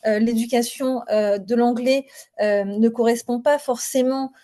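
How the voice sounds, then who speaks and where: Female recruiter, webinar guest; soft, warm tone pitched a bit high, hesitant delivery full of restarts. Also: fairly even intonation. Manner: halting, many hesitations and restarts. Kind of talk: online webinar conversation.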